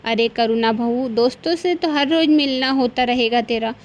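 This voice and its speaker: A crafty older mother-in-law, put on by a woman storyteller in a cartoon tale. She coaxes and flatters in a fairly high voice. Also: moderate pace, a little hiss or hum, natural voice. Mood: coaxing. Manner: coaxing, heaps on flattery. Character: scheming sweet-talking old mother-in-law.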